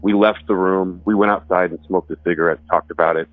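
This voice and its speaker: A deep-voiced man from Texas, a musician, casually tells a ghost story at his home in the woods, speaking briskly with fairly even intonation. The telling is loose and rambling with restarts, and the recording has no room sound, coming across dry and thin like a phone.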